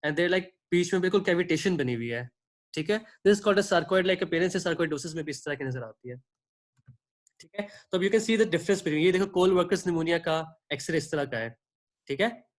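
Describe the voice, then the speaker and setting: A man's voice: a little high, lively intonation, normal speed. A man teaching an online medical class, explaining at length and checking in often with his students. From Pakistan. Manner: explanatory, checks in often with "theek hai", asks students for questions; clears his throat now and then. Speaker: medical lecturer. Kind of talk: online lecture mixing Hindi-Urdu and English.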